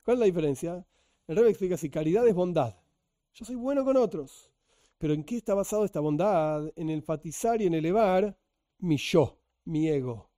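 A man with an Argentine Spanish accent gives a religious lesson in a lively, animated way, often slipping into mock voices to make his point. His voice sits high for a man yet sounds very dark and mellow. The recording is dry and close, with no room sound. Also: moderate pace, no echo. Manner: animated, acts out voices of a selfish giver. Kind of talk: religious teaching talk.

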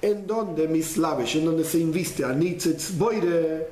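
A man's voice: a little high, slow. Man teaching in an echoey room. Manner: lively explainer, mixes Hebrew quotes with Spanish gloss. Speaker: Torah class teacher. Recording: roomy echo.

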